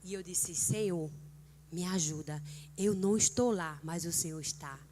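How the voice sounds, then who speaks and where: A woman's voice: on the low side, normal speed, noisy background. A middle-aged woman from Brazil giving a heartfelt testimony and exhortation at a church prayer meeting, earnest and emotional, rising to fervent emphasis. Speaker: church speaker leading prayer.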